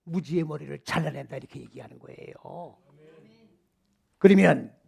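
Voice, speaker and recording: A man's voice: a little high, normal speed, gravelly, a little mellow, breathy edge. A middle-aged man from South Korea preaching an expository sermon, emphatic and full of rhetorical questions to his congregation. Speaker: pastor.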